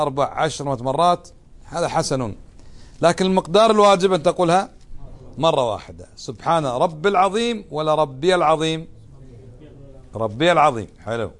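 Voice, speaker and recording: A man teaching a religious lesson, often putting questions to his students. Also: a little high. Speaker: Islamic teacher.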